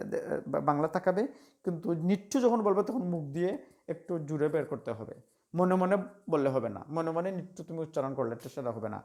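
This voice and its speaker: A man's voice: on the high side, a little mellow. A man teaching an English class over slides. He drills word lists aloud and rambles with fillers and restarts. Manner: rambling, with fillers and self-corrections. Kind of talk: spoken lesson over slides.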